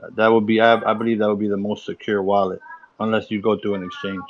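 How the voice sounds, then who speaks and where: Man, low voice, muffled lo-fi sound, upbeat casual chat. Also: level tone, fast talker, no room sound. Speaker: participant in a crypto community audio space. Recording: dull lo-fi voice chat.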